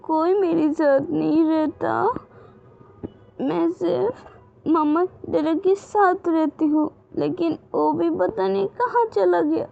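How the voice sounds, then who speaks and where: A woman voicing a scared eight-year-old girl who pleads and sobs in slow, drawn-out words. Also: very high voice, gravelly, voice pushed up, full character voice. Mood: pleading. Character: crying little girl, eight years old, clingy and scared. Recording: dull lo-fi home recording.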